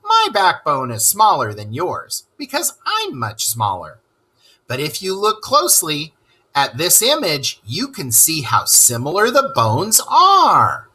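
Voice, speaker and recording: A man reads aloud to children as an enthusiastic rat, a well-traveled animal expert who teaches and asks his young listeners questions. His exaggerated voice is on the high side, sharp in tone with a breathy edge.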